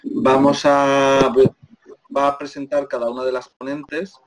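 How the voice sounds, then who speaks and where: A man moderates a panel over a video call. He speaks hesitantly and repeats words as he goes, with his voice at an ordinary pitch. A faint background noise runs behind him. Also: flat delivery, measured pace.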